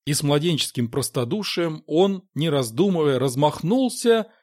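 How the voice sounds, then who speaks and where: A man's voice: on the high side, animated, moderate pace, a little mellow, no echo. A man narrating a story in a wry, dry storytelling manner. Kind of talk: audiobook story reading.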